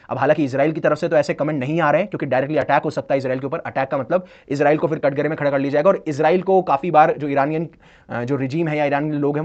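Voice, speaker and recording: A man's voice: a little high, a little mellow, highs cut off. A man giving an explanatory current-affairs lecture as an exam-prep educator, mixing in English phrases and posing rhetorical questions that he answers himself. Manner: switches between Hindi and English phrases.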